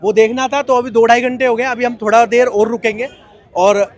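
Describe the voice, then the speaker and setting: A man reporting live from an outdoor street protest and interviewing protesters, talking with growing indignation that turns loud and impassioned. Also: very high voice, flat delivery, brisk. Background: faint protest crowd.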